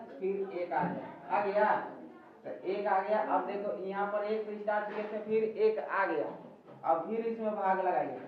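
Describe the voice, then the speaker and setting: A man teaches maths to pupils, walking through each step and pausing to check they follow. His voice sits high and comes from some way off the mic. The room is very echoey, and the sound is dull with a faint hiss. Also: distant mic. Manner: explains step by step, often checks in with "ठीक है". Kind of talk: classroom lesson at a board.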